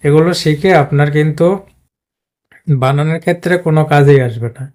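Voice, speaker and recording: A man's voice: fairly high pitch, fairly even intonation, brisk, darkish tone. A man teaching English pronunciation in a casual spoken lesson, explaining plainly with many fillers and restarts.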